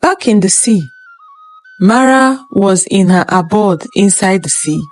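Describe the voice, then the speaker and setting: A woman narrates a folktale at a steady, unhurried pace, her voice at a middling pitch. Soft music plays faintly beneath her telling. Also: poor audio. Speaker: storyteller. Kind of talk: storytelling narration.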